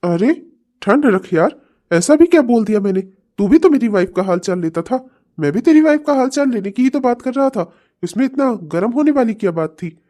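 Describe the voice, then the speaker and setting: Woman voicing a sly mocking cartoon man, lower pitch than usual, dark tone. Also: lively intonation, fairly quick, natural voice. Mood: taunting. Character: smug, taunting man getting revenge, later furious. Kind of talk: Hindi cartoon comedy voice acting.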